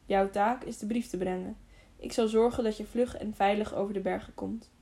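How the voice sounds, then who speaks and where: A woman reading an old male hermit in an audiobook, speaking softly and solemnly. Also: medium pitch, fairly even intonation, a little fast, lightly acted.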